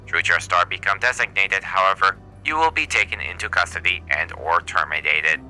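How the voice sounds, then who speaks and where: A man doing a deep, flat robot soldier. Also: normal speed, faint music behind, exaggerated voice, rough recording. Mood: flat robotic. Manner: flat, clipped robot-voice delivery. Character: cold, monotone male robot soldier, matter-of-fact. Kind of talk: reading game dialogue aloud in character.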